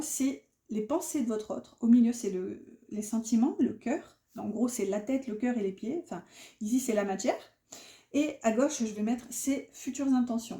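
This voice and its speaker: A woman's voice: fairly high pitch, warm tone, reverberant. A woman giving a casual tarot reading, chatty and full of fillers and restarts. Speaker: tarot card reader.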